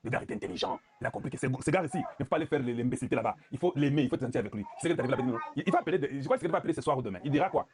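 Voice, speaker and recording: Animated man commenting on news. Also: medium pitch, very fast, few pauses, slight background noise. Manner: lively, mocking, switches into Lingala. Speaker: political commentator. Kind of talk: commentary reacting to news clips.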